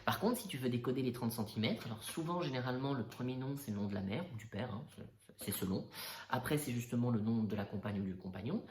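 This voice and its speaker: A man's voice: medium pitch, animated, fast, darkish tone, slight background noise. Joking male coach in an echoey room. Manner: joking, self-mocking, lots of fillers and restarts. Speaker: NLP coach. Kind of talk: casual comic monologue.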